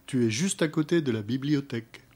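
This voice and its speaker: A man voicing a gentle father who patiently explains things to his son, in a storybook reading. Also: medium pitch, fairly quick, breathy edge, pitched above the performer's own voice, natural voice.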